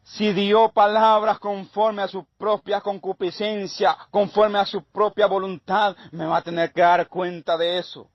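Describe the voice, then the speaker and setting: A man's voice: sits high, flat delivery, unhurried, few pauses, no room sound, highs cut off. A man preaching and giving a testimony in an emphatic, fervent style. He repeats his phrases in a rhythmic chain. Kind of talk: sermon testimony.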